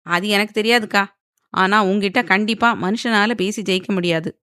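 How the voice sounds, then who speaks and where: A woman's voice: fairly high pitch, a little fast, fairly bright tone, no echo, studio quality, pitched above the performer's own voice, natural voice. A woman voicing a cheeky young man who teases his older sister, in an audio novel. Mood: teasing. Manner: bantering, irritated.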